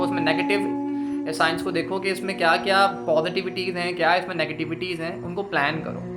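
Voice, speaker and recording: Earnest man over loud music. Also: a little high. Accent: Pakistani Urdu. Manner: earnest, emphatic, mixing English phrases into his talk. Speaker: Islamic speaker addressing his students. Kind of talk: motivational religious talk.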